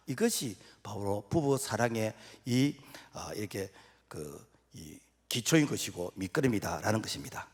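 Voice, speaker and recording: A male pastor preaching a sermon in a church, telling folksy stories with acted-out dialogue and sudden shouts. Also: medium pitch, husky. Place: church sanctuary. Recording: long hall reverb.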